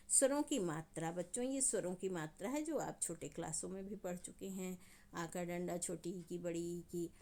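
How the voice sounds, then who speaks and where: A woman teacher giving a grammar lesson to schoolchildren, explaining patiently step by step and drawing out the example sounds slowly. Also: fairly low pitch, a little mellow. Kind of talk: online Hindi grammar lesson.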